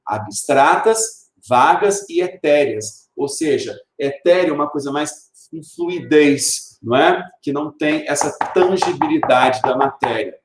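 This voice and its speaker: Brazilian male teacher, lively explainer who slows down to read verse, somewhat high-pitched, recorded in an echoey room. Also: a little hiss or hum. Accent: Brazilian Portuguese. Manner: explanatory, asks rhetorical questions and answers them; reads verse slowly and stresses sounds. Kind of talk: recorded literature video lesson.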